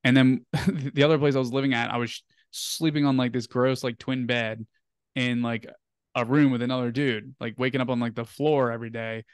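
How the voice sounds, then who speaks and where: A man's voice: mid-range voice, flat delivery, normal speed, smooth, dry recording, studio quality. A young man telling a story as an interview guest, casual and rambling, full of "like" and "um". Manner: rambling, filler-heavy, "like" and "um" often.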